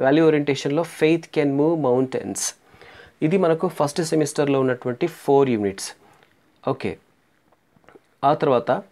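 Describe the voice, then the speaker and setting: A man, teaching a lesson as he walks through an English syllabus, slowing down on English titles and filling pauses with "aa". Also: on the high side, a little mellow. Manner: slow and deliberate on English titles, with frequent "aa" fillers.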